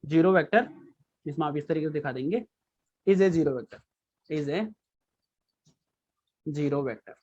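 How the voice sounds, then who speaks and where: A man's voice: fairly high pitch, slow, long pauses, darkish tone, muffled recording. A man teaching a physics class, repeating key points and quizzing his students with frequent questions. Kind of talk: live online class lecture.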